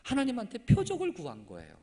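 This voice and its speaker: A man's voice: very high-pitched, huge pitch swings, fast talker, warm tone. A male pastor preaching a sermon, telling a story animatedly and asking the congregation questions. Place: church sanctuary. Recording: echoey church hall.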